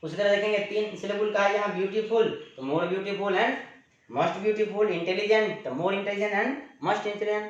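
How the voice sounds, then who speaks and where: A man with a high voice teaches grammar in a classroom-style lecture, speaking slowly in a steady tone. He explains patiently, repeats each definition, and draws out example words in his terms. The recording has a dull lo-fi sound in an echoey room.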